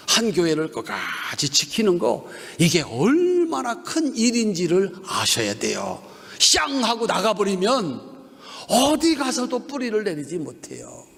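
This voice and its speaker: A man with a Chungcheong Korean accent preaches at a revival service, his high, gravelly voice swinging widely up and down. He has the congregation repeat lines after him. His words ring with a long echo through the church hall. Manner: animated, leads the congregation in call-and-response repetition. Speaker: guest pastor. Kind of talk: revival sermon. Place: church sanctuary during an evening revival service.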